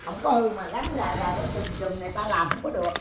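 An older woman telling stories in casual chat, animated and exclaiming often. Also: mid-range voice, racing. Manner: animated storyteller, laughing and exclaiming. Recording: noisy outdoor recording with animals.

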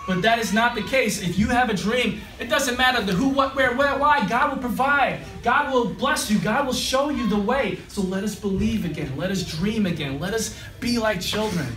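A man's voice: high voice, normal speed, few pauses, fairly bright tone. A young man preaching a short sermon and then a prayer, repeating phrases and calling on God again and again, standing and gesturing in a small room. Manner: exhorting, repeating phrases, calls on God in every line of prayer. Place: small room with brick wall. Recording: roomy, distant, music behind.

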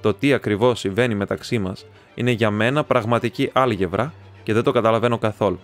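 A man's voice: lowish voice, faint music behind, lightly acted. Talkative young student , a man reading the part. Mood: chatty. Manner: rambling, chatty, teasing. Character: talkative young male student friend, warm and excitable.

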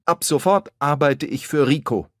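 A man's voice: a little high, normal speed, dry recording, studio quality, voice pushed up, lightly acted. A man voicing a defiant young woman in a storybook, speaking firmly. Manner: firm and defiant.

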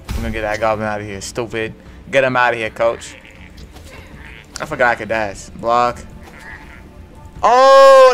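A man's voice: mid-range voice, fairly bright tone. Young male gamer, muttered slangy commentary, faint music bed. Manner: mumbled, slangy running commentary. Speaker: gaming YouTuber. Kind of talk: casual gameplay commentary.

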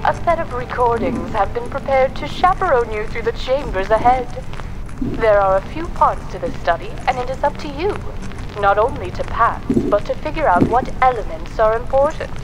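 An actress playing a genteel, coolly sinister disembodied woman in a horror game, speaking in a formal, measured, unearthly way. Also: a little high, animated, over music, natural voice, poor audio. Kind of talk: scripted game narration.

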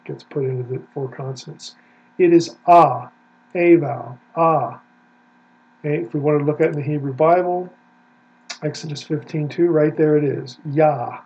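A man's voice: a little high, fairly even intonation, brisk, mellow, husky. Man explaining step by step, lo-fi. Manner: methodical, explanatory, points at the screen. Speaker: Bible scholar teaching Hebrew. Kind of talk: screen-share lecture. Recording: dull lo-fi sound with faint hum.

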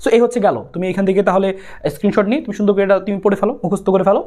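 Man, young tutor, Bangladeshi Bengali accent, very fast, high voice, insistent. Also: fairly even intonation, darkish tone. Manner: rapid, insistent, repeats key points. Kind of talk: exam-prep lesson to students.

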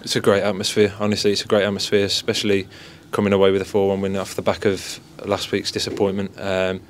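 Young male goalkeeper, deep-ish voice, humble press-pen answers into handheld mics. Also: completely flat delivery, quick pace, a little hiss or hum. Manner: modest, repeats stock phrases. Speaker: football goalkeeper. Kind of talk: post-match interview. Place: indoor press area by sponsor board. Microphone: several handheld mics and phones held close.

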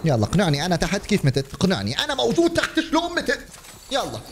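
A man giving excited commentary on his gameplay, laughing and yelling at the game as he plays. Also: high-pitched, very fast, background noise. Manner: animated, laughing, shouting at the game. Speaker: gaming YouTuber.

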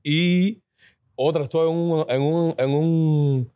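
A man's voice: fairly high pitch, steady tone, slow, warm tone, clean tone. A man, co-hosting a podcast and telling rambling anecdotes in casual chat. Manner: rambling anecdotes with restarts and quoted dialogue. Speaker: podcast co-host.

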